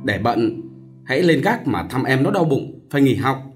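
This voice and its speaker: A man's voice: medium pitch, big pitch swings, moderate pace, soft background music, natural voice. A man voicing a fretful, doting elderly mother who fusses and complains. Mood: fussing. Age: older. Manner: fussing, complaining.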